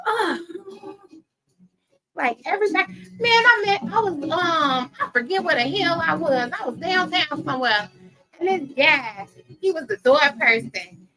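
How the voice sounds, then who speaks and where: A middle-aged woman, telling stories in animated, slangy casual chat with plenty of laughs. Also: very high-pitched, a little slow, low-quality recording. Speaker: interviewee.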